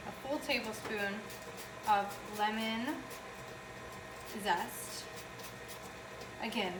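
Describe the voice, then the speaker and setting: A woman giving a casual, chatty home baking demonstration, talking informally and with emphasis as she hosts. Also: a little high. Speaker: home baking show host. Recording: roomy echo, distant mic, noisy background.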